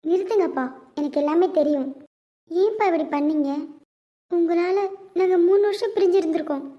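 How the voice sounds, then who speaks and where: A woman's voice: very high voice, normal speed. A woman doing a tearful heartbroken young woman. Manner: tearful, accusing. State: crying. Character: heartbroken young woman defying her father. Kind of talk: cartoon web series voice acting. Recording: dull lo-fi recording.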